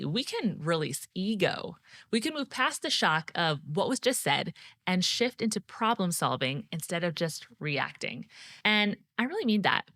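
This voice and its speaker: A woman's voice: on the low side, fairly bright tone, no room sound, clean studio sound. A woman in her thirties hosting a podcast, coaching leaders directly and addressing the listener as a friend. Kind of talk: scripted solo podcast teaching.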